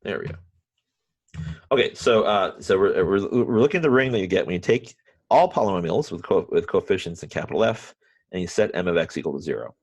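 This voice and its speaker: Man, math professor, remote lecture, deep voice, halting restarts, wry asides, dry recording. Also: expressive, slightly rough, no room sound. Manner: halting, with many restarts and fillers; wry, self-mocking asides.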